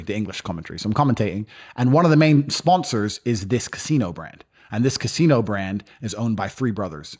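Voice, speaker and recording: A man telling stories in a casual interview, blunt and profane. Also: fairly low pitch. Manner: fast, animated, profane storytelling. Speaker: guest.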